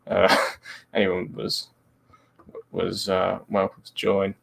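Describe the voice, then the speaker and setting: A man hosting a casual livestream Bible study, reading scripture aloud and talking it over with halting, stumbling speech and many fillers. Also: sits low, completely flat delivery, gravelly, breathy edge, poor audio.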